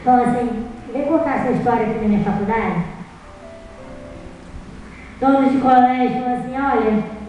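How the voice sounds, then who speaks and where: Woman preaching her testimony, high voice, big echoey hall, mic far off. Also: normal speed, pauses often, faint music behind. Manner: lively storytelling, acting out dialogue. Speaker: guest preacher. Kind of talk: sermon testimony. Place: church.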